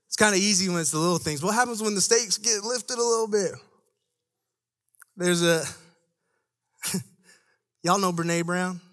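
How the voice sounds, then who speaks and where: A man's voice: high voice, fairly bright tone. A man preaching a sermon to young adults, chatty and laughing at his own stories, then rising into an emphatic preaching cadence.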